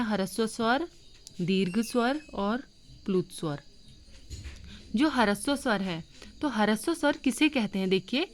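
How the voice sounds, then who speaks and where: Woman, teacher, fairly high voice, patient classroom lesson, repeats points, drawn-out vowel demonstrations. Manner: patient, repeats points and asks checking questions; draws out vowel sounds slowly when demonstrating. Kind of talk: classroom-style Hindi grammar lesson.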